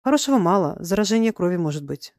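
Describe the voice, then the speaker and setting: Good-humored country doctor guy, read by a woman, matter-of-fact, dark dry voice. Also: fairly low pitch, very animated, fast talker, no room sound.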